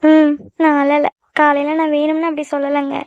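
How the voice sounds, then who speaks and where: A woman's voice: high voice, completely flat delivery, normal speed, dry recording, natural voice. A woman voicing a young college girl in love in a cartoon, pleading and teary with her sweetheart. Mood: shy affectionate. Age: young adult. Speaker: voice actor. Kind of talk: cartoon love-story dialogue. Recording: dull lo-fi dry recording.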